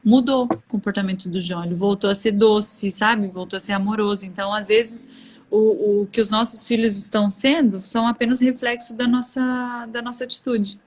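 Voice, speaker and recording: A woman in her thirties with a Brazilian Portuguese accent chats candidly about motherhood as a guest on a casual live stream, laughing often. Her mid-range voice is a little mellow, with fairly even intonation and a normal pace.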